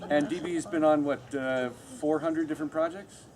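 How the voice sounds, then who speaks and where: A man's voice: on the high side, steady tone, normal speed, heavy background noise. A man moderating a convention panel, enthusiastically introducing the guests and their careers.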